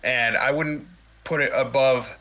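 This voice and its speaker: Laid-back man with a bright voice. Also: medium pitch, a little slow. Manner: laid-back, chuckles between points. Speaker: guest. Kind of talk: casual live-stream chat.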